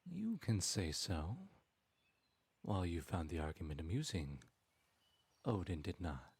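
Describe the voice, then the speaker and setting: In an ASMR audio roleplay, a man uses a very deep, husky, exaggerated voice to play a sly trickster god who charms and manipulates with slow, silky, persuasive words, teasing gently and never hurrying. His mood is scheming, his pitch swings widely, and the sound is dry and close-miked with no echo.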